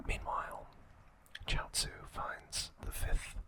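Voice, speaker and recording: In a soft, breathy whisper, a man narrates trivia for an ASMR clip, delivering it slowly and deliberately in clipped, broken phrases.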